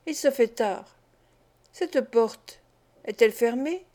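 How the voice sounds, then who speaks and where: A woman's voice: a little high, slow, warm tone. A woman voicing a poor, desperate young woman of the streets, pleading and tearful, in a read-aloud novel.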